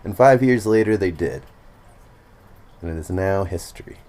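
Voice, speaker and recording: A man's voice: low-pitched, moderate pace, darkish tone, a little hiss or hum. A young man hosting a podcast in casual chat, crude joking and laughing often. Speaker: podcast host.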